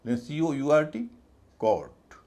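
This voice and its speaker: A man's voice: on the high side, wildly swooping pitch, takes it slowly, mellow. A man teaching English pronunciation in a video lesson, spelling out each word letter by letter before stressing the right sound.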